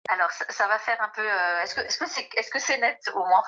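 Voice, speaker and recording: A woman guest author heard through a phone on speaker held away from the mic, talking haltingly and repeating words as she restarts. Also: medium pitch, sharp tone. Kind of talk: casual closing remarks. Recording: dull lo-fi phone line.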